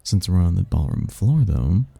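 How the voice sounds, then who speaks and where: Exaggerated and seductive, the actor's low, husky, gravelly voice swings widely in pitch as he voices a suave male demon flirting in an ASMR roleplay. He teases and smooth-talks at a normal speed, sounding mellow, and there's no echo in the recording.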